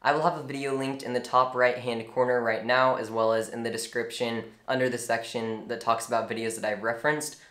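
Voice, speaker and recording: A young man giving an informal, earnest tutorial on reptile care, with strong opinions and lively emphasis. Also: mid-range voice, fairly quick, hardly any pauses. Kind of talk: informal instructional talk. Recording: echoey room.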